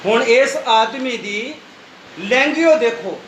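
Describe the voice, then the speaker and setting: A Punjabi-accented pastor preaches to a congregation and echoes back each verse as it is read aloud. The room rings with echo, and loud background noise hisses under his voice. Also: very high voice, expressive, slow pace. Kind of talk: Punjabi sermon with call-and-response Bible reading.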